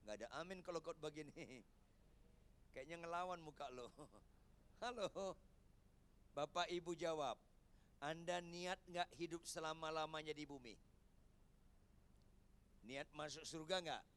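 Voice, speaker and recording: Pastor guy preaching, higher voice, jumps up to shouting a lot. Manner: animated, teasing the congregation, shouting for emphasis. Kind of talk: sermon. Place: large church hall.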